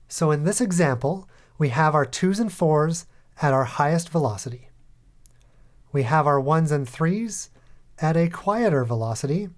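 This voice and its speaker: A man hosting a music production tutorial, calmly talking through each step in a voice-over. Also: on the high side. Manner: calm, methodical step-by-step explaining. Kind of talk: tutorial voice-over over a screen recording.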